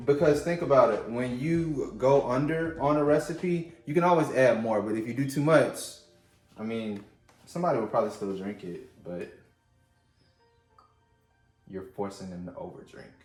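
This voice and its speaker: A man's voice: medium pitch, moderate pace, darkish tone, reverberant, soft background music. A man hosting a casual at-home drink-making video, with a playful, chatty manner, talking straight to his viewers. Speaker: vlog host.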